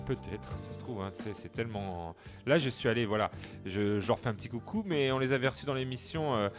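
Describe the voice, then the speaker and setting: A man chatting on a live radio show in a studio, laid-back and soft-spoken with many hesitations. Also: mid-range voice, fairly quick, soft background music. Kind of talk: casual radio chat.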